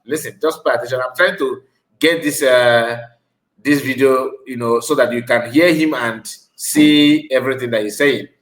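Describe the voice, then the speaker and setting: A man's voice: medium pitch, normal speed, reverberant, low-quality recording. A man with a Nigerian West African accent giving informal, emphatic reaction commentary, repeating phrases for stress. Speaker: online video commentator.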